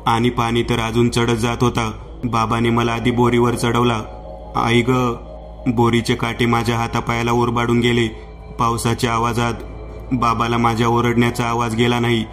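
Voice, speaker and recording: Flat-voiced man narrating horror. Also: medium pitch. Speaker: storyteller. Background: soft background music.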